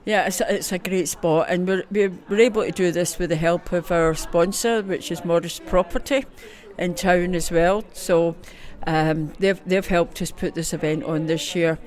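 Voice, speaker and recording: A woman's voice: fairly low pitch, steady tone, normal speed, few pauses, darkish tone. Scottish woman with a broad accent. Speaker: festival organiser being interviewed. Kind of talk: casual event interview. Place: busy festival venue at a football ground.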